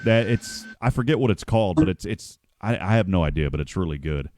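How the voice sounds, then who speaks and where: Low-voiced chatty radio host. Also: male voice, expressive, a little fast, background noise. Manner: rambling, self-correcting, chatty. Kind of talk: casual morning radio chat.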